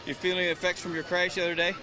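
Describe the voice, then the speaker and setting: A man's voice: sits high, little pitch movement, very fast, crowd noise. Breathless joking man in his sixties. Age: 60s. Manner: joking, teasing, brash banter. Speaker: pit-lane grid reporter. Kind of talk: live race broadcast interviews. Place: outdoors on a race starting grid.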